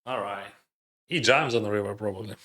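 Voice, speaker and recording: His voice is fairly low, fairly quick, pushed and bright, with a Ukrainian accent from a man born in Ukraine who grew up speaking Russian. He's doing relaxed poker live-stream commentary, responding to chat and advising viewers with heavy use of "like" and "uh."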